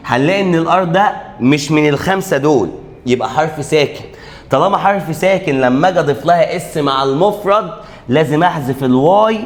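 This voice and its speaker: An Egyptian Arabic-accented male teacher running an exam-prep grammar lesson. His voice sits slightly high, and he keeps the talk lively by voicing his students' questions and answering them himself. He stretches key letters out slowly for emphasis. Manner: animated, asks and answers his own questions. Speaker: English teacher.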